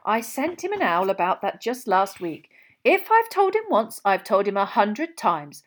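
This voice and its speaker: A woman's voice: mid-range voice, big pitch swings, unhurried. A woman voicing a mild wizard father, a polite and hesitant man, in an audiobook. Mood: exasperated.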